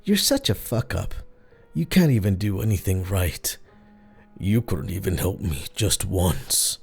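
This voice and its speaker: A man voicing a creature that fakes a young woman's voice, at first sweet and calm, then spiteful and taunting. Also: on the low side, measured pace, vocal fry, faint music behind, full character voice. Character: door creature faking a young woman's voice, cruel.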